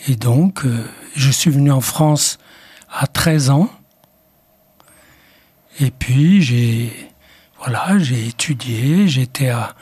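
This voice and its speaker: Appearing as a guest on the radio, this older psychoanalyst from Morocco, a native Arabic speaker, reflects slowly on the questions and often restarts hesitantly. He has a mid-range, darkish voice with a breathy edge.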